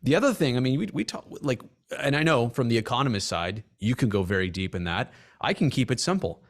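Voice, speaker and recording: A man's voice: mid-range voice, lively intonation, brisk. A man, a sports reporter guest on a podcast, making points animatedly with humorous comparisons in casual chat.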